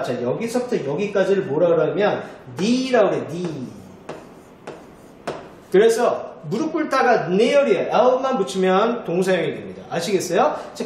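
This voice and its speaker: A man teaching English vocabulary to students in a chatty way, often checking in with a quick "right?". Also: sits high. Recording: very echoey room with faint noise.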